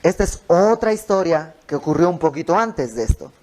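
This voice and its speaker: A man's voice: fairly high pitch, expressive, brisk, a little mellow. Guy teaching bible study at someone's house, chatty asides, reads verse by verse. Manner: explains verse by verse, conversational asides. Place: a private home.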